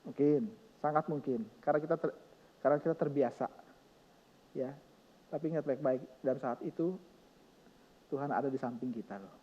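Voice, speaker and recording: A middle-aged man preaching a sermon as pastor, emphatic and passionate, moving between loud exclamations and soft, tender lines. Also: mid-range voice, moderate pace, long pauses, long reverb tail, highs cut off.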